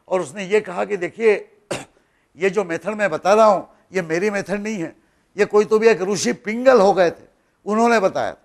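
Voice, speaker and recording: High, gravelly-voiced male lecturer. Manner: patient, explaining step by step with rhetorical questions; mixes in English phrases and terms. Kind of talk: classroom lecture.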